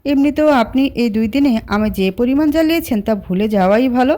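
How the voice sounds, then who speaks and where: A woman playing a sassy young woman, quick retorts, slightly high voice. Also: dark tone, natural voice. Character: sharp-tongued young woman, sparring teasingly.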